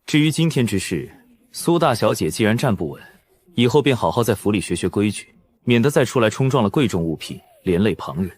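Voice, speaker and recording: An actor playing a stern, powerful male imperial tutor who protects his niece, speaking in a measured way in an animated drama dub. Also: fairly low pitch, breathy edge.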